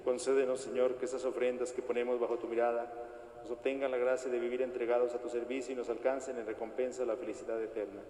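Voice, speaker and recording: A man's voice: medium pitch, flat delivery, dark tone. Male priest, formal liturgical intoning, mid-range voice, cathedral echo with long reverb. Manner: measured, solemn, formal intoning. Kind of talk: liturgical prayer recitation at Mass. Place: large church. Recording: echoey church with long reverb, faint noise.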